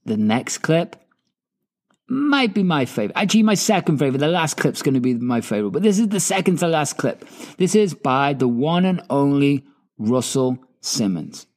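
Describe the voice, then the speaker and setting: A man's voice: a little high, darkish tone. A man hosting, giving emphatic motivational commentary between clips, with casual swearing. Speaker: host.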